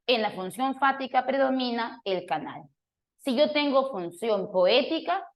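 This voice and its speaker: A woman teacher who walks a class through a review lesson, explaining points and putting questions to students by name. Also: on the high side. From Peru. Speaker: language teacher.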